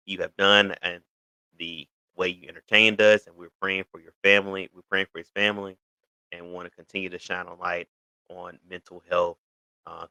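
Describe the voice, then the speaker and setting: A man's voice: low voice, bright, forceful tone, clean tone, no echo, poor audio. A man of thirty hosting his own show, talking casually to camera and rambling with lots of "you know" fillers and restarts. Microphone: video recording for an online channel.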